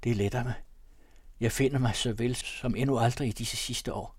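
A man's voice: medium pitch, fairly even intonation, husky, no echo, close to an everyday voice. A haunted, melancholy young man, read by a man in an audiobook, solemn and confiding. The voice sits mid-range and the sound is close and dry, with no room around it. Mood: pleading. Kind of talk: audiobook reading of classic fiction.

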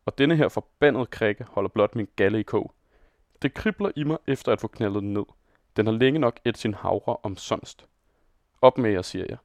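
A man voicing a drunken, brutal young peasant who bellows loudly at his companions. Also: on the low side, no room sound, clean studio sound, natural voice. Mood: bellowing, brutal. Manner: loud shouting bluster.

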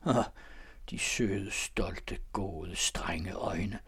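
A man reading the part of a lovesick, restless nobleman who confesses in a low, brooding way. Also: vocal fry, slightly rough, dry recording.

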